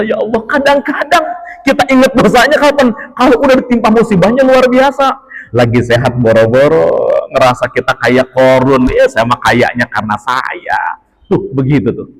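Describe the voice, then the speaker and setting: A male Islamic preacher telling a story in a dawn sermon in a mosque, animated and emphatic, with frequent rhetorical questions. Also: mid-range voice, low-quality recording.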